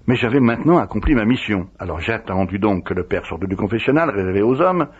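Fast and fairly low-pitched with a breathy edge, this man's voice belongs to a priest recounting old memories in an interview. He retells them with liveliness, acting out the dialogue. The audio is a dull, lo-fi radio recording.

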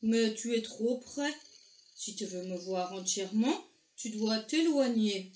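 A woman voicing a huge, gentle young female whale who is lost, slow and booming in a storybook reading. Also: animated, reverberant, a little hiss or hum. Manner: slow booming voice, later whimpering.

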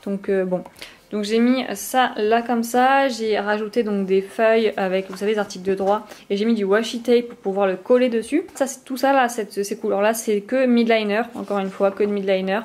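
A woman's voice: mid-range voice, steady tone, normal speed, a little mellow. A young woman from France chatting casually in a vlog, with lots of fillers and restarts. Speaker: vlogger.

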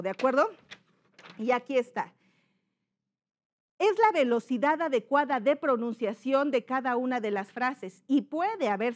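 A woman with a Mexican accent teaching a lesson on reading aloud, explaining step by step and checking in with her listeners. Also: a little high. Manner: explanatory, frequent check-ins, demonstrates readings badly then well.

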